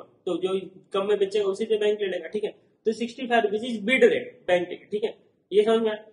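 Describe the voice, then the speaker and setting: High-voiced man, echoey lecture room. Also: a little mellow. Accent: Indian. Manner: explains with everyday examples, asks the class repeated check questions. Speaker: teacher. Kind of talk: recorded classroom lecture.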